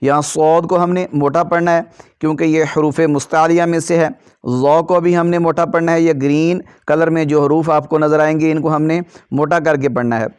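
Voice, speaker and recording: Male Quran teacher with a crisp, dry voice. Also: level tone, a little mellow, dry recording. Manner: chants letter drills slowly, then explains quickly in lower voice. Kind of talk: slow drilled recitation lesson.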